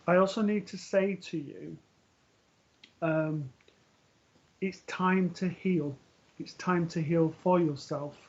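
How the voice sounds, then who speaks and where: A man with a somewhat high, steady voice gives a live spiritual reading as a medium, gentle and reassuring but hesitant, filling pauses with ums and restarting sentences. Captured through an earpiece for live broadcast, the sound is dull and lo-fi like stream audio.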